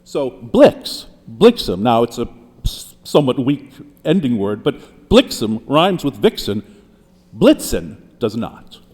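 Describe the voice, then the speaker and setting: Man acting as a dead poet on the witness stand, lively, professorial, echoing hall. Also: mid-range voice, measured pace. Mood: earnest. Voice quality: professorial, explains at length with frequent restarts. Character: deceased male poet testifying at a trial. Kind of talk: mock trial role-play. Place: courtroom. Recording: long hall reverb.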